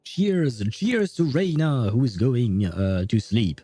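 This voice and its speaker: This man's medium-pitched voice is husky and mellow, slow yet very animated, recorded dry. English isn't his native language, and he rambles politely and hesitantly with his livestream audience over gameplay and faint game music.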